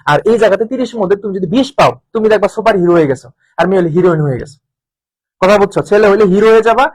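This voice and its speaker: A man's voice: high voice, low-quality recording. A man tutoring students for a university admission exam in a casual, colloquial way, repeating key terms and asking rhetorical questions. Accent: Bangladeshi Bengali. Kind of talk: informal exam-prep lecture.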